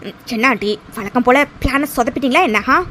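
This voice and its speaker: A woman's voice: a little high, fast talker, sharp tone, slight background noise. A woman voicing an impatient young accomplice in a cartoon, pressing and demanding on the phone.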